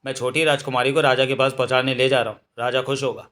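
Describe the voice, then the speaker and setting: A man's voice: mid-range voice, flat delivery, fast, a bit bright, natural voice. A man voicing an earnest young village lad who stammers when he is worried, in a storybook reading.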